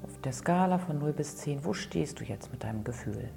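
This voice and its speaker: A woman leading a guided tapping session in a calm instructing voice, at times dropping to a soft whisper. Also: low voice, moderate pace, gravelly, soft background music. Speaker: tapping coach.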